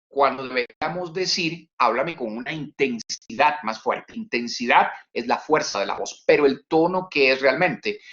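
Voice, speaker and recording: Animated male webinar trainer, muffled sound. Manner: animated, swings pitch high and low to demonstrate tone; repeats words for emphasis. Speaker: communication trainer. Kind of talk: webinar lecture.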